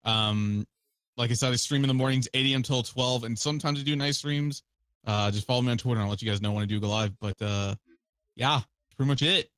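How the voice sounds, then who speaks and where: Young man, easygoing co-host, crisp resonant voice. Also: mid-range voice, quick pace, fairly bright tone, dry recording, clean studio sound. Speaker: podcast co-host. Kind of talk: casual chat.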